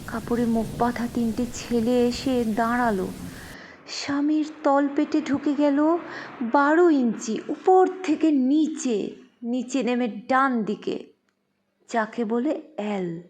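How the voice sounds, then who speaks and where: Slow, high-voiced woman reciting poetry. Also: darkish tone, a little hiss or hum. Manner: slow, dramatic delivery that drops to whispers.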